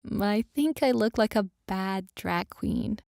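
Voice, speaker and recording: A woman's voice: mid-range voice, takes it slowly, gravelly, a little mellow, no room sound, clean studio sound. A woman reading a scripted first-person story as its narrator.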